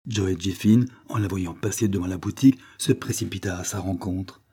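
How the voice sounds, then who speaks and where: A man reading a classic novel aloud as a steady audiobook narrator. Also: deep voice, moderate pace, husky. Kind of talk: scripted narration.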